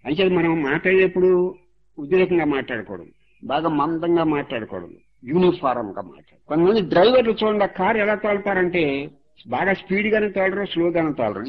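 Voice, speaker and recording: A man's voice: high voice, lo-fi sound. A man giving a religious discourse as a spiritual teacher, moralizing and repeating each point to drive it home.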